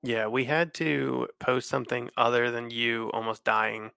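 Male podcast co-host, casual chat. Nasal and stuffed up, bright with gravelly fry, dry close sound. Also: medium pitch, level tone, a little slow, no echo. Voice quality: nasal from allergies. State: congested with allergies.

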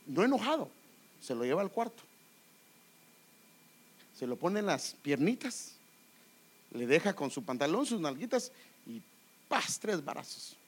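Animated, high-pitched preaching pastor. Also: male voice. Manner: animated preaching, addresses listeners as brother. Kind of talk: sermon.

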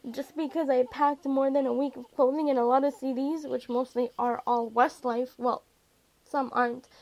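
A woman's voice: high-pitched, steady tone, unhurried, poor audio. A woman voicing a snippy, defensive young man. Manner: loud, snippy, teasing.

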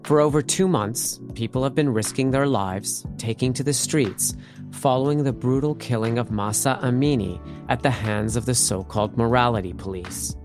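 A man hosting a podcast, reading a formal scripted introduction in a measured way. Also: mid-range voice, over music. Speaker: podcast host.

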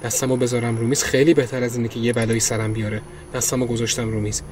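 A man narrating a first-person horror story in a grim, low tone, also hosting the podcast. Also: level tone, noisy background.

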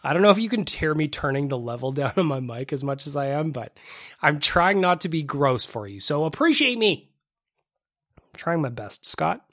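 A man with a voice on the high side hosts a casual solo podcast from his home studio, speaking at normal speed with big pitch swings and a fairly bright tone. He's congested and sniffly from a cold, and a little self-deprecating. The studio-mic recording is dry.

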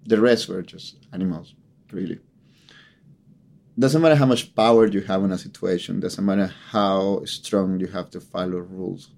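A man with a low, dark and mellow voice speaks as a photographer in an interview. He tells a grave personal story in a halting way, often repeating words as he searches for the phrasing. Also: fairly even intonation, vocal fry.

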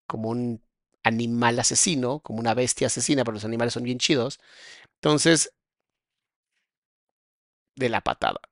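A man's voice: medium pitch, normal speed, long pauses, fairly bright tone, dry recording, clean studio sound. A Mexican man, a psychologist hosting a reaction video, explaining what he sees and speaking his opinions with emphasis. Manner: explains and points things out, turns preachy and emphatic. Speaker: psychologist host. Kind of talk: reaction commentary.

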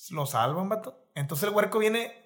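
High-voiced man telling stories. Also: normal speed. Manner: animated slangy storyteller. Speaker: podcast guest. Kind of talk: casual storytelling.

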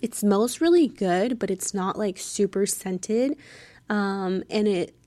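A woman in her twenties hosting a casual solo podcast, chatty and informal, speaking softly and close, right in the listener's ear. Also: mid-range voice, slow pace, no room sound. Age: 20s. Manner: chatty, informal, filler-heavy. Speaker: podcast host.

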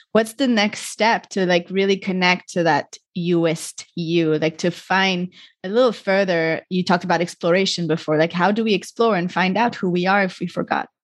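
A woman's voice: on the low side, no echo, studio quality. A woman hosting an interview, affirming and encouraging her guest in casual talk.

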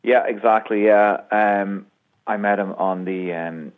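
Deep man on a phone line. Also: steady tone, takes it slowly. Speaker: newspaper journalist guest. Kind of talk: conversational interview answers. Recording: narrow tinny phone line.

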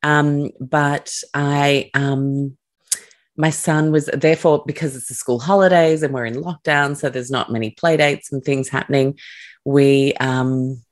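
A woman's voice: rumbling low, steady tone, unhurried. A woman hosting a conversational interview, sharing a personal story in a candid, reflective way. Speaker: podcast host.

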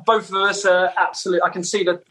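Man, podcast guest from Essex, high pitch, bright tone, self-deprecating, slangy casual chat. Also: little pitch movement, fairly quick, slight background noise. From Essex, England. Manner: laid-back slang, self-deprecating, giggly.

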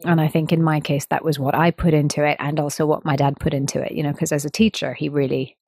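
A woman in her thirties, a musician, answering interview questions in a thoughtful, measured way and laughing easily. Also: low voice, little pitch movement, gravelly, a little mellow, slightly rough, no room sound, studio quality. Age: 30s. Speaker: interview guest, sitar player. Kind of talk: relaxed conversational interview.

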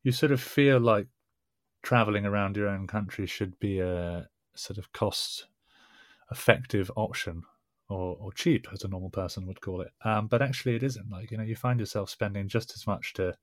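A man's voice: on the low side, fairly even intonation, moderate pace, dry recording, clean studio sound. A man hosting a casual podcast interview, talking in a hesitant, rambling way. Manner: hesitant, rambling, with many fillers and restarts. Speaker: podcast host.

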